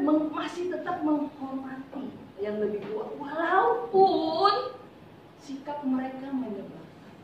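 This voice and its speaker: A woman with a voice on the high side gives an informal devotional talk to a congregation, chatty and teasing and full of rhetorical questions. The recording sounds echoey, distant and dull, with slight background noise.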